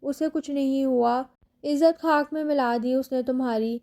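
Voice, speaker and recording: A woman's voice: sits high, fairly even intonation, dark tone. A woman reading as a worried middle-aged mother. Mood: accusing.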